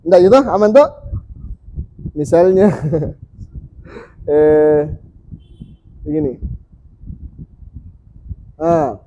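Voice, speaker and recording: Pria bersuara tinggi dan gelap. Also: male voice, on the high side, dark tone, lo-fi sound. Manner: patient, repeats sounds slowly for students. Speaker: Quran reading teacher. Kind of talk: teaching a class.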